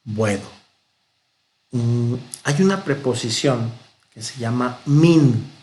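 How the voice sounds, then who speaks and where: Slow, patient Mexican man teaching. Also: medium pitch, darkish tone, a little hiss or hum. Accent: Mexican Spanish. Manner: patient, explains step by step, pronounces examples slowly. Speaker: Hebrew teacher. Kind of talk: unhurried grammar lesson.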